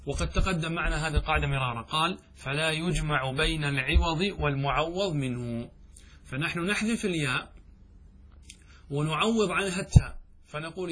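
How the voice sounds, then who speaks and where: A man teaching a grammar lesson who poses questions to his students and answers them himself, chanting verses slowly. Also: fairly high pitch, fairly bright tone, slightly rough. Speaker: sheikh teaching Arabic grammar. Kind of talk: classroom lesson explaining verse.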